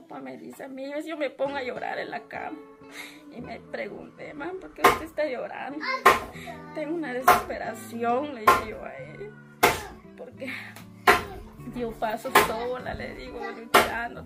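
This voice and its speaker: Tearful Guatemalan woman over loud music. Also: fairly high pitch. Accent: Guatemalan Spanish. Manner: tearful, retells conversations in quoted speech. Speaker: interviewee, struggling mother. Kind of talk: emotional personal account.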